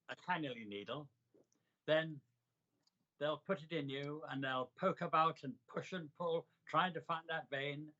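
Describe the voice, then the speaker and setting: An older man telling reflective personal stories in an interview, with a measured, emphatic delivery in short, deliberate phrases. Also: fairly high pitch, pushed and bright, muffled recording. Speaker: interviewee recounting a hospital stay.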